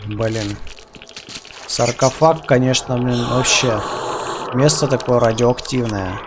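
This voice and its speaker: A man's voice: medium pitch, slow pace. Slangy, sweary Russian street-guy gamer, noisy recording. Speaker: video game streamer. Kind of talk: casual gameplay commentary. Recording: clearly noisy background.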